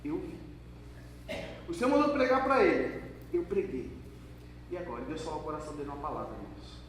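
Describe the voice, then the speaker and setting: A man preaching a sermon as pastor, telling stories lively and addressing the congregation directly. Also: a little high, fairly quick. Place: church hall during a service. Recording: echoey hall from far off, background noise.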